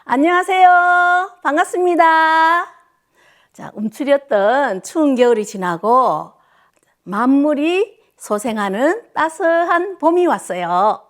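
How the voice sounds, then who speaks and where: A woman instructor leading older students through a clapping exercise class, cheerful and counting out loud with sharp shouts. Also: on the high side, sing-song, takes it slowly.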